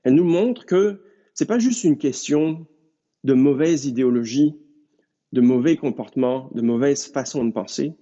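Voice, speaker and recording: A man preaching a sermon in an earnest, measured way and speaking straight to his listeners. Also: mid-range voice, mellow. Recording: dull lo-fi recording.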